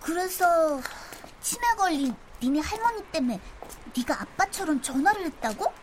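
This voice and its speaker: A cheeky young daughter. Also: female voice, extremely high pitch, very animated, moderate pace, a little hiss or hum. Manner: cheeky, teasing. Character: sharp-tongued schoolgirl daughter. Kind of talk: radio drama acting.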